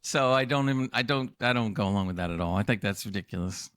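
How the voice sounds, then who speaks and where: A man's voice: fairly low pitch, quick pace, a bit bright, no room sound. A man co-hosting a gaming podcast, giving firm opinions and often restarting his sentences. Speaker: podcast co-host. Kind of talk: casual chat about video games.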